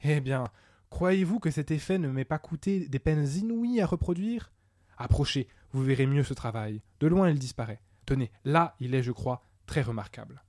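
Un homme qui interprète un vieux peintre, fier et tourmenté, à la voix haute et tendue, déclamant avec passion. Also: male voice, animated, moderate pace, darkish tone, no room sound, clean studio sound. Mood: proud. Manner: declaiming, highly emotional. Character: old male painter, proud, then desperate.

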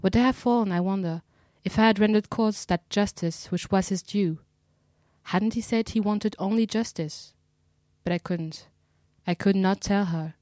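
A woman reading a classic novel aloud, narrating in a measured, dramatic way and voicing the dialogue. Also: medium pitch, a little mellow, no echo. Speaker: audiobook reader. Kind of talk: scripted literary narration.

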